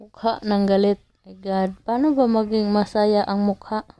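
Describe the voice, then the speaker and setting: A woman's voice: medium pitch, fairly even intonation, normal speed, warm tone, no echo. A young Filipina mother with a Cebuano-touched accent, venting in a casual vlog with rueful, self-mocking sighs. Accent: Filipino, Cebuano-speaking. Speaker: mother vlogger.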